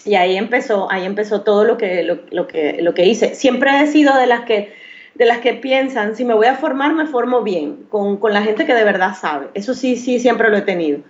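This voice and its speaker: A woman's voice: medium pitch, moderate pace. A woman in her thirties from Venezuela with a Maracaibo accent, a makeup artist answering interview questions hesitantly, with many restarts. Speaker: guest, professional makeup artist. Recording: slightly dull, lo-fi sound.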